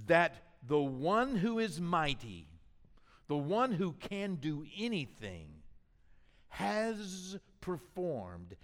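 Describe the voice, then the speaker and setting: An older man preaching a sermon as pastor, swinging between loud build-ups and hushed asides. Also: sits high, in a large hall.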